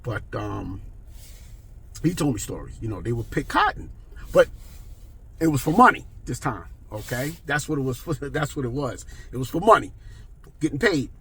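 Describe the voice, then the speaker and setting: A man's voice: mid-range voice, very animated, moderate pace, creaky, pauses often, fairly bright tone, a little hiss or hum. A man in his forties, talking to the camera in a casual, emphatic monologue and often checking in with "okay?". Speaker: vlogger.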